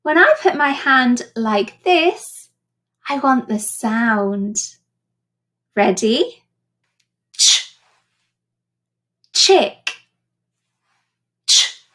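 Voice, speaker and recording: A woman teaching a children's phonics lesson, modeling sounds and words in slow, exaggerated speech with short instructional prompts. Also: fairly high pitch, lively intonation, a bit bright.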